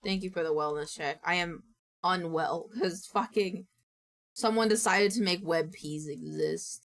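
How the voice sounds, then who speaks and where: A woman's voice: on the low side, measured pace, vocal fry, a bit bright. A woman streamer chatting casually with her viewers, playfully exasperated and swearing freely, her voice a little worn out. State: voice nearly gone from strain. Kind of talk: casual livestream chat with viewers.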